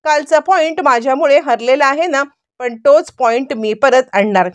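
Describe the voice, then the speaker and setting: A woman's voice: high voice, moderate pace, muffled recording, close to an everyday voice. Woman doing a teasing young husband. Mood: coaxing.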